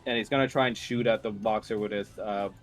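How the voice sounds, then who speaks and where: A man narrating a tabletop role-playing game as game master in an informal, halting way. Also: on the low side, fairly even intonation, faint music behind.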